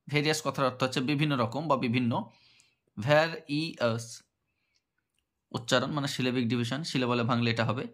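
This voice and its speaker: A man working as a tutor, explaining a textbook page to young pupils at a medium pitch. He is patient, repeats key words and keeps checking that they understand. He reads the English examples slowly and clearly. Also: a bit bright.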